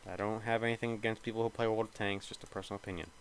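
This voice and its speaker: Rattling off rapid-fire casual commentary, a young gaming creator thinks aloud over his gameplay, rambling and hesitating plenty. His tone stays level, and his voice is a little low with a slight nasal quality. A faint hum can be heard under the recording.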